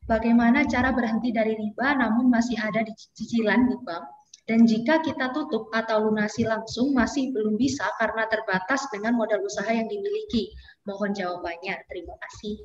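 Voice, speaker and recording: A woman's voice: on the high side, fairly even intonation, fairly quick. A woman moderator in an online class, reading audience questions aloud in a plain, polite way. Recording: echoey, muffled call audio.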